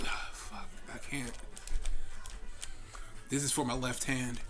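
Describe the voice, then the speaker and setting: A man's voice: mid-range voice, level tone, slow pace, background noise. A man co-hosting a casual video game session, chatting and laughing often as he plays. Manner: giggly, laughs often while joking. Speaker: co-host playing a video game. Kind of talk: casual gaming chat.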